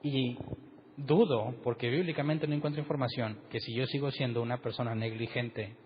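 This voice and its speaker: A man's voice: mid-range voice, fairly even intonation, normal speed, long reverb tail, dull audio, a little hiss or hum. A man preaching a conversational sermon as pastor, putting rhetorical questions to his congregation in a church meeting room.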